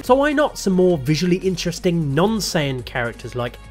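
A sardonic man in his thirties presents scripted gaming commentary. His delivery is wry and animated, with wide swings in pitch. Faint music sits behind him. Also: normal speed. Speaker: host of a gaming commentary show.

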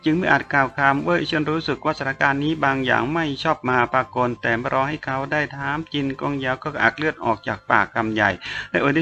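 A man narrating a fantasy novel in a steady, dramatic reading. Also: medium pitch, vocal fry. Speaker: audiobook narrator. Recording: dull lo-fi with faint music.

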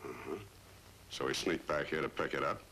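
A man's voice: rumbling low, moderate pace, vocal fry, pushed and bright, a little hiss or hum, heavily acted, poor audio. An actor playing a suave, tough male club owner in a classic TV crime drama, cool and commanding. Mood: stern. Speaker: lead detective character. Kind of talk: 1950s TV crime drama acting.

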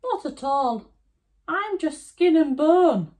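A woman's voice: high voice, animated, slow, darkish tone, voice pushed up. A woman putting on a crafty little old granny. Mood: sly. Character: crafty little old grandmother, cheerful and clever.

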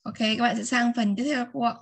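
A woman teaching vocabulary in an online class. She repeats each word slowly and keeps checking that her students are following. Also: on the high side, steady tone, vocal fry, slightly rough. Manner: models words slowly and repeats them. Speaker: English teacher. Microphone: video call.

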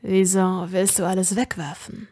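A woman putting on a manipulative young man's voice, a spirit trapped in a diary, in a fantasy audiobook. He speaks in a hushed, breathy whisper. Each word is drawn out slowly and quietly. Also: mid-range voice, animated. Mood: desperate pleading.

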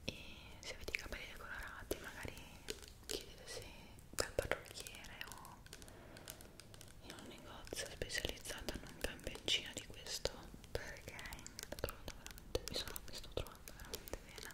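Very hushed and close to the mic, this ASMR creator in her twenties softly whispers about her daily routine at an unhurried pace, sometimes stopping to find the right word. She's in a small indoor room, recorded with two close microphones placed at the sides in front.

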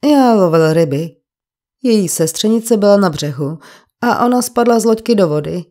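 A woman's voice: mid-range voice, animated, mellow, natural voice. A woman reading an audiobook, voicing a defensive working-class male bricklayer who talks in coarse, grumbling colloquial speech.

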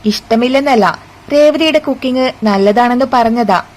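A woman's voice: fairly high pitch, normal speed, natural voice, rough recording. A woman voicing an offhand, chatty young woman relative.

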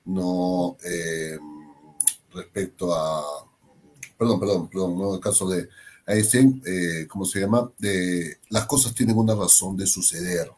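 A man's voice: deep voice, unhurried, darkish tone. A man hosting an interview, prompting his guest with questions and affirming what she says. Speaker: host. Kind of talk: casual interview.

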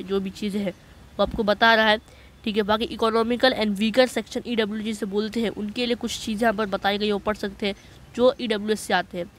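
A man walking viewers through a job notice in a voice-over on a screen recording. He talks in a chatty way, keeps checking that listeners follow, and reads English passages slowly. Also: high-pitched, a bit bright, a little hiss or hum. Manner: chatty, repeats "okay" to check understanding. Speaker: online job-notice explainer.

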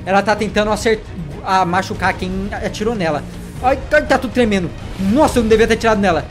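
Fast-talking excitable gamer. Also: male voice, high-pitched, over music. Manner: excitable, jumpy, talks straight to viewers. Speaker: gaming vlogger. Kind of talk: let's-play commentary.

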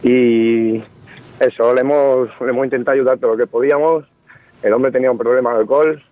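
A man's voice: mid-range voice, steady tone, fairly quick, no echo. A man calling into a radio talk show over the phone, speaking with indignation and accusation. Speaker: radio caller. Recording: muffled dry phone line.

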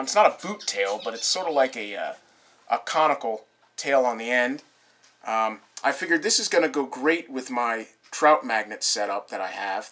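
A young man sits on a couch at home and chats casually to the camera while holding up fishing lures. His talk is relaxed and rambling, full of fillers and soft laughs, at a middling pitch. The camera mic picks up a faint hiss behind him. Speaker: fishing vlogger. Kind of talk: casual show-and-tell. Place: living room, seated on a couch indoors. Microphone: camera mic at close range.

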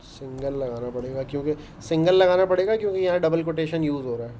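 Guy explaining code, chatty, mellow tone, bit of background noise. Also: on the high side, expressive, fast talker. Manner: chatty, explains step by step with frequent "ṭhīk hai". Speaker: programming instructor. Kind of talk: casual coding lesson.

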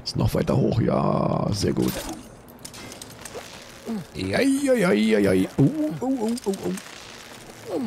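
A man commenting on his own gameplay, excitable, swearing and repeating panicked exclamations. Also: medium pitch, slow, vocal fry, pauses often, a little hiss or hum. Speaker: let's play gamer.

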